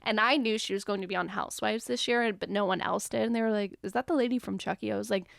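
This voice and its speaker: A woman co-hosting a casual podcast, gushing through TV recaps in a bubbly, quick way. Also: medium pitch, fairly even intonation, vocal fry, a bit bright, no echo, studio quality. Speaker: co-host.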